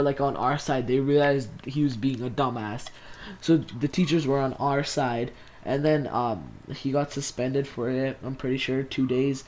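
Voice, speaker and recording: Teen guy vlogger, rambling storytime, mid-pitched voice. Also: a little mellow, a little hiss or hum. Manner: rambling, heavy use of "like". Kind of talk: casual storytime.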